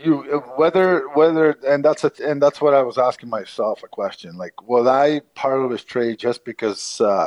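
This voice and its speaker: A middle-aged man with a Czech accent, answering interview questions in a halting way with many fillers. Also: fairly low pitch, a little mellow, no room sound. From Czech Republic. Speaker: former hockey player, guest.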